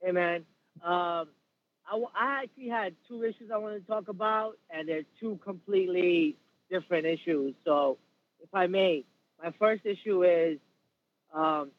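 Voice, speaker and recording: A man from Queens, New York, calling in to a radio show over a phone line and politely asking his questions in a halting way. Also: high voice. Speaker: radio call-in caller. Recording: dull phone-line sound.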